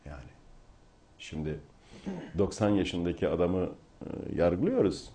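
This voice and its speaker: A middle-aged man with a low, mellow voice holds forth in a talk show discussion. He starts measured, then lifts his voice into passionate, oratorical appeals. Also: lively intonation. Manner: rising to forceful oratory.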